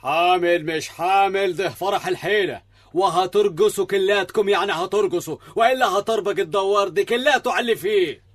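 An actor with an Egyptian accent playing a blustering, bossy village mayor who scolds in a gruff way. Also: male voice, high voice, fairly quick, no room sound. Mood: ingratiating.

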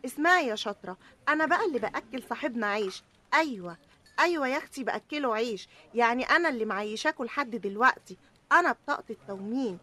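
A woman's voice: a little high, animated, fast talker, pushed and bright. A woman with an Egyptian accent voicing a sassy, streetwise ration card who scolds the others.

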